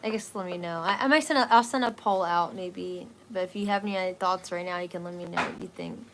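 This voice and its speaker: Woman, wellness stream host; soft, relaxed, rambling casual chat full of fillers, faint background hiss. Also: on the low side, quick pace. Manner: rambling and hesitant, many fillers.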